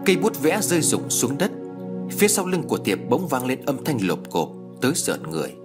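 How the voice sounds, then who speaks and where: A man's voice: medium pitch, huge pitch swings, a little fast, over music. A man narrating a horror story in a scripted, dramatic storytelling style.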